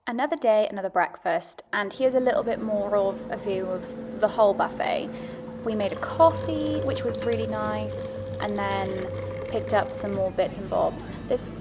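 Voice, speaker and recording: A woman's voice: mid-range voice, moderate pace, very noisy. A woman giving a casual, chatty, understated voice-over review as a food and travel vlogger.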